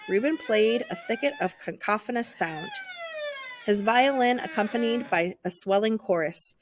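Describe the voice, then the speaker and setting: Reading a kids' picture book, a woman performs the story with theatrical expression in a mid-range voice. There's a little hiss or hum in the recording.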